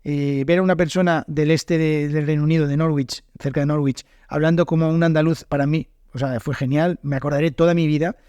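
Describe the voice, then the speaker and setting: A Spanish teacher from the north of Spain talks through his podcast with a northern Spanish accent, his voice sitting a bit higher than most men's. He thinks aloud, pausing on fillers and correcting himself as he goes. The sound is close and dry, with no room around it. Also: steady tone, a little mellow, smooth, no room sound, dull audio. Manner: unscripted, thoughtful, frequent fillers and self-corrections. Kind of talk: solo podcast monologue.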